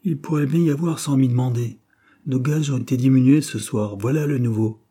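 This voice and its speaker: A man voicing an irritable, lanky glove worker who shouts angrily in a storybook reading. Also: mid-range voice, brisk, slightly rough, voice pushed up, lightly acted. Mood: angry. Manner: angry, shouting.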